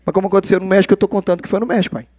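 Male preacher, high-pitched and dry, animated delivery that swings between loud and hushed. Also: rapid-fire, no room sound. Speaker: pastor. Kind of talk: sermon.

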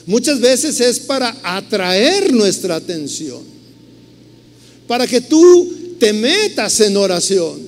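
Mexican male preacher, fairly high voice, earnest sermon, long hall reverb, faint hiss. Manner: earnest storytelling, many restarts.

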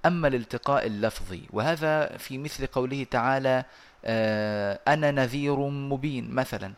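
Male recitation teacher on a voice call, mid-pitched voice, halting explanations with pauses, chants quoted verses. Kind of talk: online lesson explanation. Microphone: online voice call.

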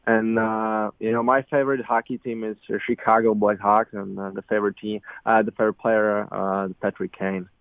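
A young man with a Czech accent calls in to a radio show, his voice pitched a little low. He answers in halting, hesitant English padded with fillers. The sound is a tinny, dry phone line. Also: flat delivery, smooth, dry recording. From Czech Republic. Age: young adult. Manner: halting, filler-heavy non-native English. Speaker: guest athlete. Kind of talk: call-in radio interview.

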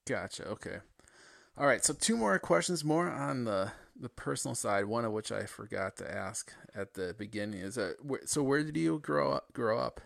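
A man's voice: medium pitch, lively intonation, normal speed, creaky, dry recording. A man hosting an interview, asking casual, rambling questions with many fillers. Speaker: interview host.

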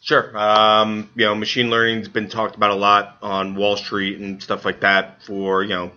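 A hungover man co-hosting a podcast, explaining things informally in a halting, hedging way full of fillers. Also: lowish voice, monotone, pushed and bright. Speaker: podcast co-host and editor. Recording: dull lo-fi audio.

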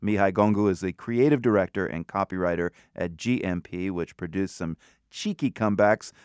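A male radio host presents the news and questions a guest, brisk and lightly wry. His low voice is recorded dry and close in a studio. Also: darkish tone, clear, resonant tone, no room sound.

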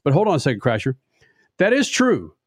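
Brash animated radio host. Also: male voice, a little high, brisk, dry recording, clean studio sound. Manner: brash, animated, swearing casually. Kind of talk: motorsports radio talk.

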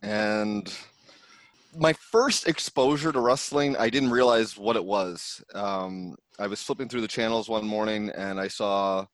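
A man's voice: fairly low pitch, a little slow, no echo. A man with a Canadian accent telling a personal story conversationally as a podcast guest. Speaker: podcast guest, wrestling fan.

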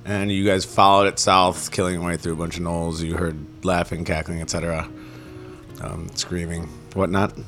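A man's voice: low voice, flat delivery, moderate pace, music in the background. A man running a tabletop game, casually recapping the last session with many fillers. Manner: loose, rambling, many fillers. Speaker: game master.

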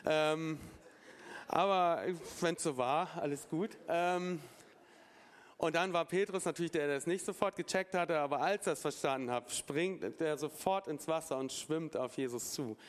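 A man preaching a sermon, retelling a Bible story with lively storytelling, acting out the dialogue and adding informal asides. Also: a little high, moderate pace.

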